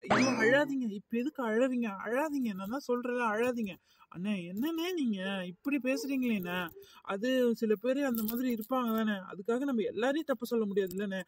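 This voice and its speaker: A man's voice: very high voice, brisk, distant mic, a little hiss or hum. A man voicing a kind young male passenger in a cartoon, an eager peacemaker who pleads and soothes. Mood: soothing. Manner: pleading and soothing, keeps saying brother. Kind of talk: cartoon voice acting.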